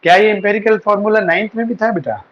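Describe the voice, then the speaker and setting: A man's voice: sits high, steady tone, quick pace, a little hiss or hum. A man teaching a chemistry class online, patiently talking students through formulas and mixing in English terms. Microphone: online class setup. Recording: dull lo-fi sound.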